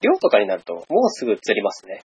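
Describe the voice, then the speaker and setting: A man's voice: on the low side, huge pitch swings, fast, darkish tone, slightly rough, no echo. A man from Hokkaido, a podcast host, chatting easily and laughing often. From Hokkaido, Japan. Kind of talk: casual chat.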